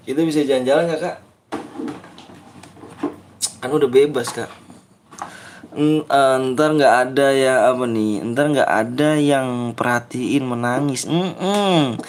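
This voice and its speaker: A man's voice: mid-range voice, slow pace, long pauses, slight background noise. A young man with a Betawi Jakarta accent chatting casually and teasing viewers during a game livestream. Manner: teasing, playful, often mimics viewers' pleas. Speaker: livestream gamer.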